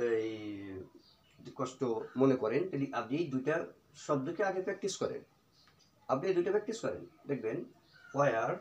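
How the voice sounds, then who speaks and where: Man teaching slowly in an echoey room. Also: medium pitch, darkish tone. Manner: slow repetitive drilling of example phrases. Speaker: English teacher. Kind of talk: spoken English lesson in Bengali.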